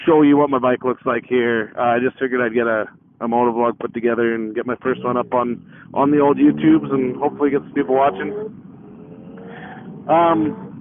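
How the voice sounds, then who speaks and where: A man chatting casually and ramblingly as a motovlogger, talking from inside his motorcycle helmet while riding. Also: a little high. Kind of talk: casual, rambling vlog talk. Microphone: helmet mic. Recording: muffled, phone-like helmet mic with noise.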